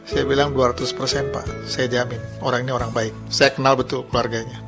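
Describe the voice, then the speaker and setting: A man's voice: medium pitch, brisk, gravelly, loud music behind the voice. A man pastor preaching a sermon, telling a story and acting out the people in it, then leading a prayer. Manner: animated storytelling, acting out quoted speakers.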